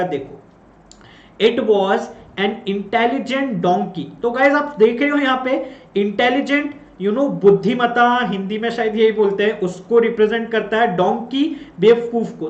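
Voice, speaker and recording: Guy teaching english online, reads definitions real slow, keeps asking if it's clear, roomy echo, kinda muffled. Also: sits high. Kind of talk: online grammar lesson. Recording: echoey, slightly dull room recording.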